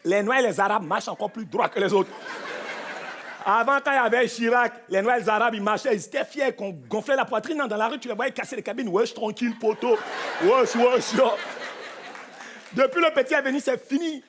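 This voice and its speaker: A man's voice: extremely high pitch, fast talker, fairly bright tone, a little hiss or hum. A man with a Cameroonian French accent doing live stand-up on a theatre stage, teasing and punchy, talking straight to the crowd. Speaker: stand-up comedian.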